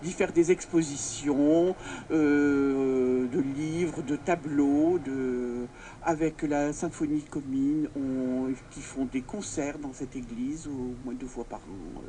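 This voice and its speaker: Guy interviewed in a church, soft mellow tone, halting phrases, bit of background noise. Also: fairly high pitch. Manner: hesitant, piecemeal phrasing. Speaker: church association member interviewed. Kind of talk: spontaneous interview answers. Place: inside a church.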